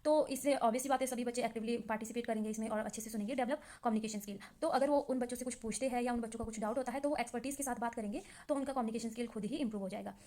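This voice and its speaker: A fast-talking young woman runs through revision notes like a trainee teacher, her voice sitting a little high. She explains in a loose, chatty way, full of fillers and restarts. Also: fairly even intonation, warm tone. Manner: chatty explaining with many fillers, reads English definitions slowly. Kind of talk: casual exam-revision lesson.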